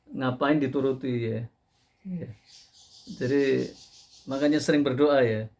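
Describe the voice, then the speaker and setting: A man giving a casual, animated sermon, peppering his talk with "ya" and laughing at his own stories. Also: medium pitch, a little slow. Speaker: Islamic preacher. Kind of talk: casual sermon to a live audience.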